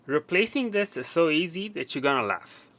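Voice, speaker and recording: Presenting an unscripted tech repair tutorial, this man speaks at normal speed in a voice on the high side, a bit bright, with big pitch swings. He keeps it informal and conversational, repeating words for emphasis.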